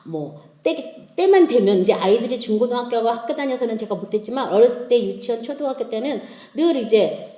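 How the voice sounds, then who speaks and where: A middle-aged woman giving a testimony in church, telling family stories with lively laughter and acting out the dialogue. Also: fairly high pitch, fairly quick, echoey room. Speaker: lay speaker giving a testimony.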